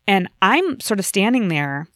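A woman in casual podcast chat, telling a story in an animated way and acting out the lines of the people in it. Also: medium pitch, measured pace, no room sound, studio quality. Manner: animated storytelling with voiced quotes.

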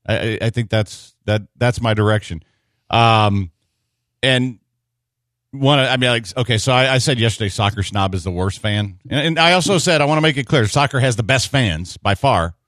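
American sports radio host, dry studio sound. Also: male voice, on the low side, a bit bright, no echo. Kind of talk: casual opinionated sports talk.

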